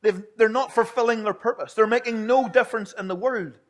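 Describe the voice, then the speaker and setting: A male preacher with a Northern Irish accent gives a sermon in a notably high voice. His delivery is earnest and plain-spoken, turning now and then to rhetorical questions. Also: brisk.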